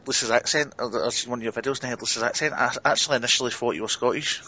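Male interviewer, bright edgy tone, informal and halting delivery. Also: mid-range voice. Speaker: interviewer, host. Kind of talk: casual interview chat.

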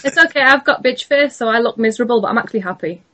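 A woman's voice: on the high side, very fast, fairly bright tone. A woman with a mild north-east English Teesside accent, chatting casually as a guest. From north-east England. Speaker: gaming video creator, interview guest. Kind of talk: casual chat.

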